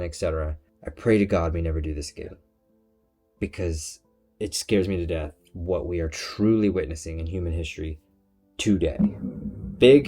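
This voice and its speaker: A man with a very low voice hosts his own channel in a passionate solo commentary. He talks emphatically and preachily, firing off rhetorical questions at his viewers. Faint music plays quietly behind him. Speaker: channel host.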